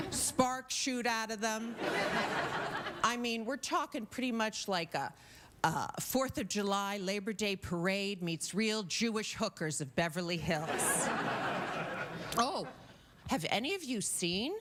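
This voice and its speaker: A woman's voice: medium pitch, lively intonation, slow pace, pauses often. A woman doing a stand-up comedy set on a TV studio stage. She talks in a chatty way, with lots of "um"s and "okay?" tags. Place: TV studio stage before a live audience. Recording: loud noise over the voice.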